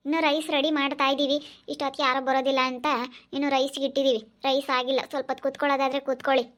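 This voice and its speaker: Woman doing a gossipy village stall lady, high voice, rapid fire. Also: little pitch movement, fairly bright tone, slight background noise. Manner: gossipy, brisk. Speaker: egg-rice stall owner. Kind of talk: amateur village skit acting.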